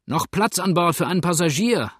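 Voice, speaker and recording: A loud settler calling out across the water, as a male storyteller puts him on. His voice rises high and strong when he hails. The reading is dry and close. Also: lively intonation, brisk, husky, no room sound, heavily acted. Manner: calling out loudly.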